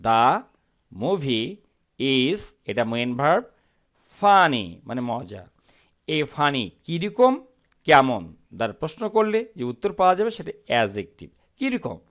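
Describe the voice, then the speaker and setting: A man teaching English to beginners, explaining in Bengali with a lively pitch that swings up on his questions and down on his answers. He reads each English sentence slowly and carefully, then asks and answers his own questions.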